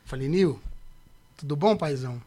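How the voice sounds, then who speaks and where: A man's voice: a little high, normal speed. A man with a Brazilian Portuguese accent, a pastor guesting on a podcast, telling a story and acting out the quoted voices. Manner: acts out quoted dialogue with lively voice shifts. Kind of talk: animated storytelling in casual podcast chat.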